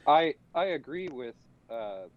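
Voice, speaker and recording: A man's voice: fairly high pitch, big pitch swings, unhurried, dull audio. A young man co-hosting a casual podcast, spinning a long mock-serious sarcastic bit and breaking into laughs. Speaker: podcast co-host.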